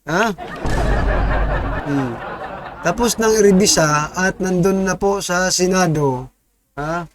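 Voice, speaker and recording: A man's voice: sits high, takes it slowly, a crowd in the background. A man with a Filipino accent giving political reaction commentary, preachy, addressing listeners directly and tagging his points with questions.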